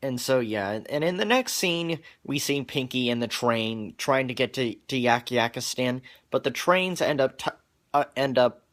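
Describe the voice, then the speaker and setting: A man's voice: medium pitch, a bit bright. A man casually recapping a cartoon episode for viewers, stumbling through restarts and repeated words as he goes. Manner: wears glasses on camera.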